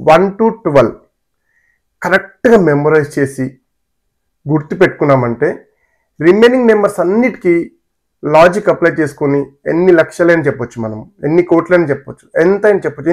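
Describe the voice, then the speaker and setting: A man teaching a German language lesson, slowly repeating words for learners to copy. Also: fairly high pitch, a little mellow.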